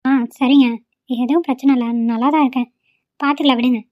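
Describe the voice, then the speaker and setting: Cartoon: young wife, high and quick, waving off concern, as a woman voices her. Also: steady tone, no room sound, muffled recording, lightly acted. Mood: reassuring. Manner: reassuring, dismissive of worry. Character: tired young wife reassuring her husband.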